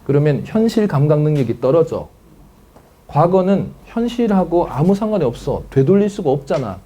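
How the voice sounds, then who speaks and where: A man's voice: on the high side, big pitch swings, moderate pace, dark tone. A man giving a lecture to parents as a counselor, acting out family dialogues and often checking that the audience follows.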